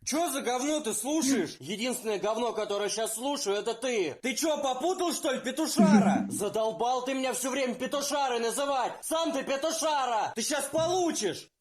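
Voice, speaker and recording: A man's voice: very high voice, lively intonation, normal speed, few pauses. A man playing a cocky young gopnik in a comedy sketch, bickering in a crude, brash street-tough manner. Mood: aggressive, mocking.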